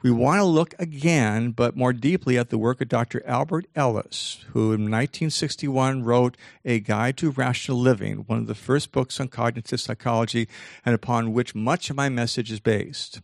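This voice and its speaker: An older man giving a lively motivational talk. He slows down to stress key points and acts out quoted voices with big jumps in pitch. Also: vocal fry, no echo, studio quality. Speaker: speaker giving a talk on self-talk.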